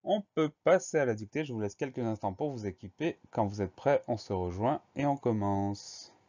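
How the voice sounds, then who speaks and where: Low-voiced guy teaching spelling, slow and patient, dull lo-fi sound. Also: animated, warm tone. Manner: patient, spells words letter by letter. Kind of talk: spelling lesson and dictation. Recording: dull lo-fi recording.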